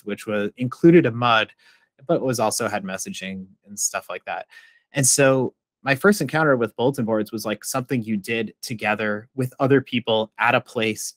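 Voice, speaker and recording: A man's voice: medium pitch, no room sound. Man in his 30s from massachusetts, professor on a video call, dry sound, says "like" a lot. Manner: thoughtful, frequent "like" fillers, expressive hand gestures. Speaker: guest, professor and author. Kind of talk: conversational interview answer. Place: home office. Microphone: video call with earbuds.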